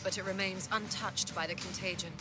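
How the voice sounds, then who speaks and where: Playing an imperious, driven inquisitor in a video game cutscene, a woman delivers her lines with haughty, commanding intensity in a natural, mid-range voice. Her tone stays steady and her pace fairly quick, with an awed, intent mood. Loud music plays over a roomy echo.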